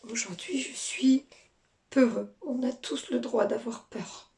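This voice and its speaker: A woman voicing a little fish that tells its feelings, in whispered role-play, slow, soft and drawn out. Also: on the high side, vocal fry. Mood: hushed.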